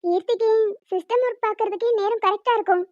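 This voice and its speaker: Very high-pitched bossy pregnant cartoon woman, voiced by a woman. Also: fast, a little mellow, no room sound. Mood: firm. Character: bossy pregnant young woman, protective friend. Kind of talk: cartoon dialogue. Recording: dull lo-fi dry sound.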